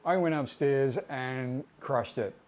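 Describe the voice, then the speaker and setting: An Australian tattoo artist tells a rambling, profane story about his mentor, laid-back and full of fillers and asides. His mid-range voice is slow-paced and darkish.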